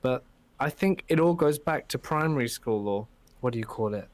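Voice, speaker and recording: A man's voice: medium pitch, animated, normal speed, dry recording. A man hosting a casual chat, talking in a nervous, rambling way and often repeating himself. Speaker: podcast host.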